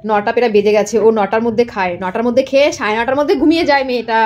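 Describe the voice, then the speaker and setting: A woman's voice: a little high, rapid-fire, darkish tone. A young woman, a mother, chatting to viewers as she explains each step of making her toddler's dinner in her home kitchen. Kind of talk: casual home cooking vlog narration.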